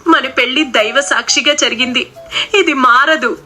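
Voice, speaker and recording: Woman voicing a new bride, firm and insistent, raised pitch, bright. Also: moderate pace, faint music behind.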